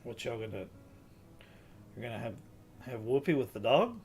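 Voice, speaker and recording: A man's voice: mid-range voice, animated, moderate pace. A man chatting casually while streaming a game, with jokey, informal reactions. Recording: loud background noise.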